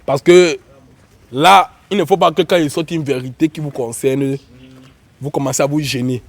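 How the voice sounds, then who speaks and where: There's a gravelly quality to this man's voice, which runs on the high side with fairly even intonation and a moderate pace, with no room sound. He hosts a YouTube show with a Cameroonian accent and a cold, speaking informally and repetitively to viewers and guests.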